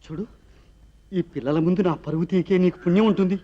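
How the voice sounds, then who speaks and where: A man's voice: sits high, steady tone, fast, muffled recording, very noisy, natural voice. An actor playing a harried sage and father of many, scolding his children in exasperation, theatrical, on an old film soundtrack. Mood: pleading. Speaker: sage burdened with wife and children. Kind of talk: 1960s Telugu film acting.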